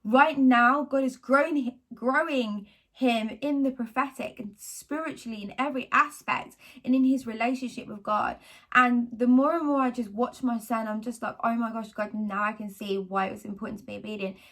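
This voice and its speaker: A woman, talking casually to camera about her faith in a rambling, animated way. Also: on the high side, normal speed. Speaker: vlogger sharing faith testimony.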